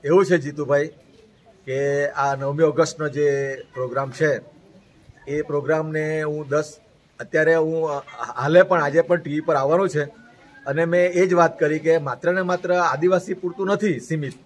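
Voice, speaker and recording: A man's voice: on the high side, steady tone, moderate pace, rough recording. A man from Gujarat, an interview guest, delivering an earnest, preachy message and repeating his points in long lists.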